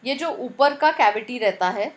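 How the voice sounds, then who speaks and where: A woman's voice: a little high, animated, a little slow, rough recording. A woman teacher with an Indian accent, giving a live online biology class and spelling out terms letter by letter.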